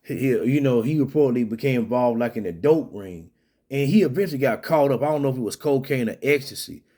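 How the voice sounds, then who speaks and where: A man's voice: mid-range voice, lively intonation, fast, dark tone. A man talking through a story in casual solo commentary, rambling with many restarts and fillers.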